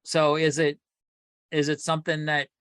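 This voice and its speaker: A podcast co-host on a collecting show chats casually, telling stories in an animated way and rambling with many restarts. His voice is on the high side, smooth, at normal speed, with a dry, clean studio sound.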